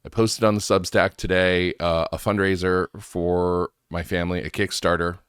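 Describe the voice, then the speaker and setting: A man with a deep voice talks casually as a commentary show host. He sounds slightly wheezy and congested from allergies, informal and conversational, recorded dry with very little room sound. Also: dry recording.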